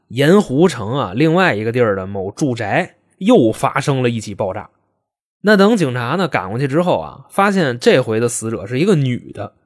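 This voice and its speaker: A young man telling a true-crime story in a chatty, joking, colloquial way. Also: medium pitch. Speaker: podcast host and storyteller.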